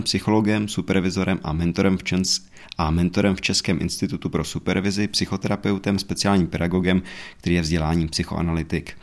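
A man hosting a podcast, politely and formally thanking his guests in the outro. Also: sits low. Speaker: podcast host.

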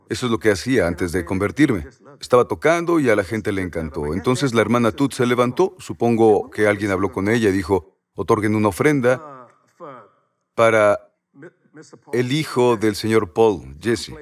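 Lively man preaching through stories. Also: on the low side, brisk. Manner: lively storyteller, acts out quoted voices, asks the audience rhetorical questions. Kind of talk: sermon with personal storytelling.

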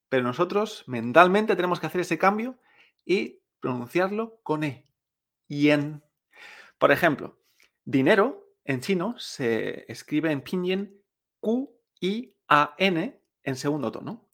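A man's voice: on the high side, fairly bright tone. A man teaching Chinese pronunciation, who explains patiently, spells out letters and checks in with the listener. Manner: patient, spells out letters and adds tag questions. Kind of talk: pronunciation lesson.

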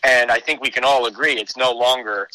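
A man's voice: medium pitch, fairly even intonation, a little fast, pushed and bright, slight background noise, rough recording. A man giving conversational sports analysis as a podcast guest, explaining his case point by point.

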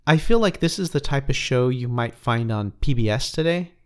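A man's voice: medium pitch, animated, normal speed. Hesitant man thinking aloud. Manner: hesitant, restarts while searching for words. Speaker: podcast co-host. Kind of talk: casual chat.

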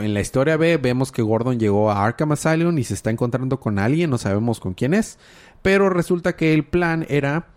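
A man co-hosts a relaxed comic book chat. He rambles through the plot, stumbling over filler words and chuckling as he retells the scenes. His voice sits at an ordinary middle pitch. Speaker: podcast co-host. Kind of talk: casual comic book discussion.

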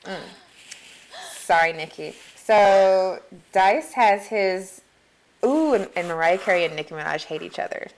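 A woman co-hosting a podcast in a relaxed, chatty recap of a film. Her voice sits at a middle pitch, and she laughs easily. She often drops into quick quotes of the characters she is describing. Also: low-quality recording. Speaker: podcast co-host. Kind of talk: casual chat recapping a film.

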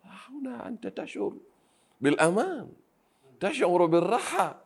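A man from Pemba, by birth, answers an interviewer's questions. He speaks earnestly and humbly in a soft voice and often restarts his phrases. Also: high-pitched, very animated, normal speed, vocal fry, breathy edge. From Pemba, Zanzibar. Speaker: Arabic grammar teacher, interview guest. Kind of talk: interview conversation.

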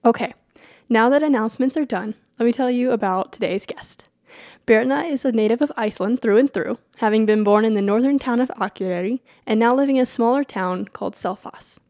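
A woman's voice: fairly high pitch, brisk, darkish tone, dry recording, studio quality. A woman podcast host who reads her show's announcements and introduction, then chats with a guest, talking in a chatty way, apologizing and laughing easily. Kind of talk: scripted podcast intro and casual interview.

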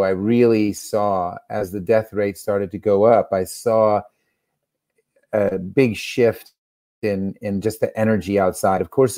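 American guy guesting on a show, low mellow voice, earnest, dry close sound. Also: no echo. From United States. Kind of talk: interview conversation.

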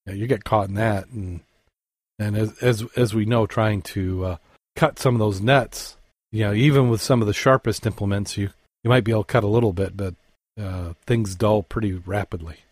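Low-voiced man reading dive news. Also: fairly even intonation, darkish tone, no echo, studio quality. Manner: halting, with fillers and self-corrections. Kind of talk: casual news reading and chat.

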